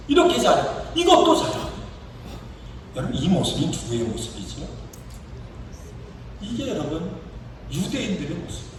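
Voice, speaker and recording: A man's voice: high-pitched, slight background noise. A man, a pastor, preaching a sermon and acting out the story's characters in their own voices. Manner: lively, rising and falling emphasis. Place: church sanctuary. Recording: echoey church hall from a distance.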